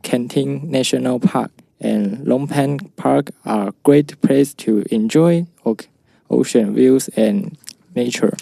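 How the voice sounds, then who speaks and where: A man's voice: medium pitch, takes it slowly, vocal fry, warm tone, no echo. A teenage boy from Taiwan co-hosting a school podcast, reading his lines from a script. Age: teens. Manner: reads from a script. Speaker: co-host.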